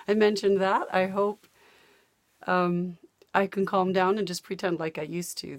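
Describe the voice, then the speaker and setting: Her voice fading from days of talking, an older American woman who vlogs about cross-stitch chats to camera at home. She rambles and laughs easily in a voice on the low side, with no room sound.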